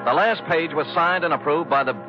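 A man's voice: a little high, fairly quick, close to an everyday voice. A man playing a wry hard-boiled detective. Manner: dry, wisecracking. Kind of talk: 1950s radio drama narration. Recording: dull old radio broadcast with music.

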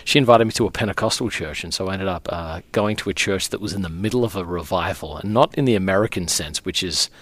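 A man in his forties speaks with an Australian accent in a notably deep voice. He is a guest pastor, telling his own story in a conversational interview. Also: quick pace, hardly any pauses, fairly bright tone. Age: 40s.

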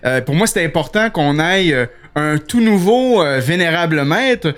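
Lively Québécois man hosting a show. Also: a little high, moderate pace, smooth. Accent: Québécois French. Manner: animated, lots of fillers. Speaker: podcast host. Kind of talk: casual radio chat.

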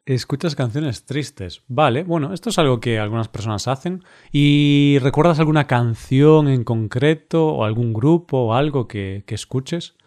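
Slow-spoken man co-hosting. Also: mid-range voice, darkish tone. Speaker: podcast co-host. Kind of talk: casual podcast chat.

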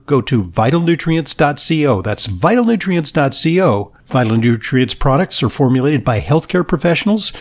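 Man reading a scripted sponsor ad. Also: medium pitch. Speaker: host reading a sponsor message. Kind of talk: scripted ad read.

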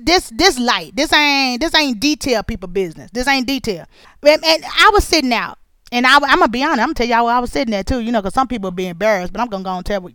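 A woman hosting a show, telling a long story in a chatty, animated and colloquial way, with asides to her listeners. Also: fairly high pitch, clean tone, no room sound. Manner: chatty, nosy and animated, talking straight to listeners; colloquial, drawn-out asides and repeated phrases. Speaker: podcast host. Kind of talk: casual storytelling monologue.

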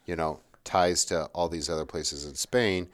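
Very deep-voiced man chatting history. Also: steady tone, a little slow. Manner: rambling, checks in with "right?". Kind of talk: casual history chat.

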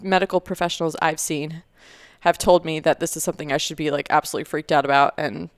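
A woman's voice: sits low, fairly even intonation, quick pace, no echo. A young woman co-hosting a podcast, chatting casually with lots of fillers and easy laughter. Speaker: podcast co-host. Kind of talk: casual chat.

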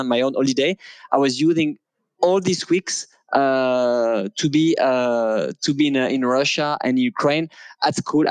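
A man's voice: medium pitch, no room sound, low-quality recording. Hesitant man with a French accent. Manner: hesitant, many pauses and restarts. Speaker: interview guest. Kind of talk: casual conversation.

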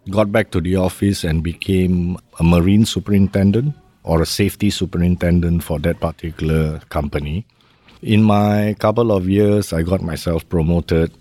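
A middle-aged man from Malaysia, speaking in a measured, conversational way as an interview guest and often tagging his sentences with "right?". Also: deep voice, dark tone, dry recording. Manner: measured, uses fillers like "how you say" and "right?". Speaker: guest, maritime safety executive.

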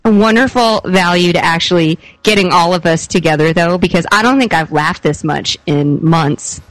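A woman's voice: fairly low pitch, moderate pace, no room sound, rough recording. Laughing, chatty woman podcast host. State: pregnant. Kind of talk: casual chat.

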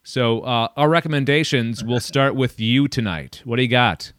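A man's voice: medium pitch, moderate pace, fairly bright tone, no room sound, clean studio sound. A man hosting a podcast in casual chat, loose and self-deprecating, short of breath. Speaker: podcast host.

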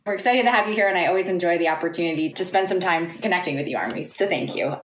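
A woman's voice: on the low side, racing, slight background noise. A woman hosting a podcast interview in a polished, businesslike way, in prepared sentences. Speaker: podcast guest host and interviewer. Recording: echoey, roomy sound.

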